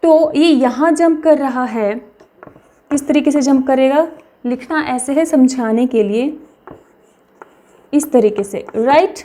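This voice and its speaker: A young woman teaching a language lesson, repeating each word slowly for practice. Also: sits high, dark tone. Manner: slow, repeats words for practice.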